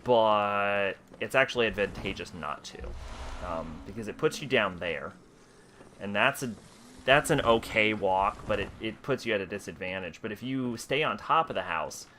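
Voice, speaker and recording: Over a headset mic with slight background noise, a man with a sharp, lowish voice streams a video game. His commentary is casual, profane and self-mocking, full of swearing.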